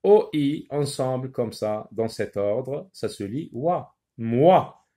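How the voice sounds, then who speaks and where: A man teaching a children's phonics lesson, repeating each word slowly and sometimes explaining in Arabic. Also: medium pitch, animated, dark tone. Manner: slow, repeats words syllable by syllable.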